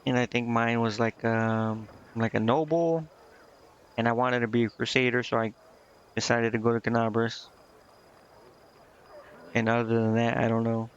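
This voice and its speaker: A man's mid-range voice, flat in delivery and moderate in pace, pauses often as he rambles through casual game stream commentary. He is hesitant and vague, reading dialogue aloud, and his dull lo-fi mic captures clear background noise.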